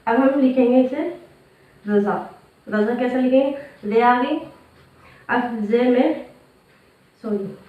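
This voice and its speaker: A woman's voice: a little high, takes it slowly, pauses often. A woman teaching Urdu letters step by step, asking and answering her own questions and repeating each step. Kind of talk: step-by-step writing lesson. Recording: roomy, distant, dull lo-fi sound.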